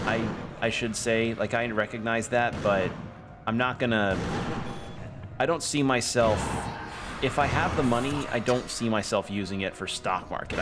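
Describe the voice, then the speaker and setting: A young man chatting casually while streaming a video game, rambling and often correcting himself, with some swearing. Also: medium pitch. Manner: rambling, self-correcting, profane. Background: game music.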